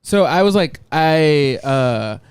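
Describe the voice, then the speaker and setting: A man chatting casually on a podcast, a halting, hesitant storyteller. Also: on the high side, animated, clear, resonant tone, no echo, clean studio sound. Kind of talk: casual chat.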